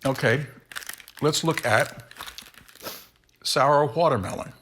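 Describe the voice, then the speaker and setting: The candy reviewer, a middle-aged man hosting solo, speaks slowly in a slightly high voice with a fairly bright tone. He rambles casually, corrects himself, and chews mid-sentence, with a little hiss or hum in the background.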